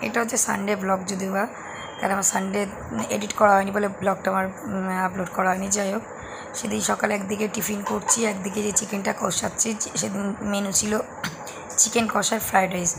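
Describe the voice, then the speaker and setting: A hoarse woman chats away to her viewers from her kitchen. Her voice sounds gravelly and worn, and her pitch stays fairly flat. The home recording carries a steady hum of background noise. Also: a little fast. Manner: chatty, addresses viewers directly. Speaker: vlogger, mother. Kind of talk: casual home vlog narration.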